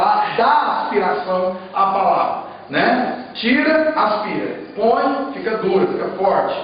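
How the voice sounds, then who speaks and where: A man with a Brazilian Portuguese accent teaching a Hebrew class and explaining step by step, often checking that the students follow. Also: high voice. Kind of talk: classroom lecture. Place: church classroom. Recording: muffled, echoey room, distant mic.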